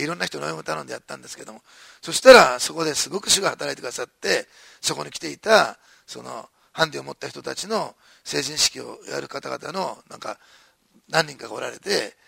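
A man's voice: a little high, gravelly, bright, forceful tone, husky, dry recording. A man preaching a sermon in a conversational storytelling way, with chuckling asides. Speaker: pastor.

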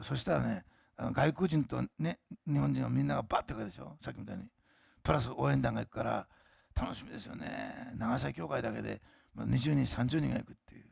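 A man's voice: mid-range voice, gravelly, husky, no echo, studio quality. A male pastor giving a casual, chatty sermon that turns into fervent, commanding healing prayer in a church. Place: church sanctuary.

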